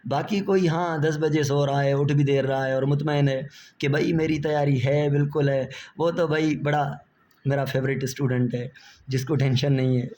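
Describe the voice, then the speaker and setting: A man's voice: a little high, steady tone, moderate pace, a little mellow, slight background noise. A man, a biology teacher giving friendly, reassuring exam-prep advice and mixing in English words.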